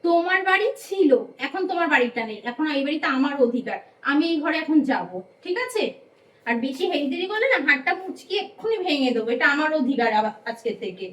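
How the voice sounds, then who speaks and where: A woman playing a bold, self-assured new bride who talks brashly and fast, in a comedy skit. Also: high voice, sing-song, a bit bright, slightly rough, heavily acted, low-quality recording. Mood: defiant.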